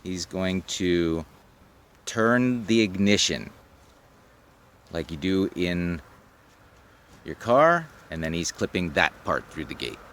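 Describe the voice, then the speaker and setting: A man with a low voice narrates a demonstration as an instructor. He explains each step plainly, outdoors, with some faint noise on the recording. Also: big pitch swings, slow pace, long pauses, a bit bright. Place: outdoors on a wooded slope.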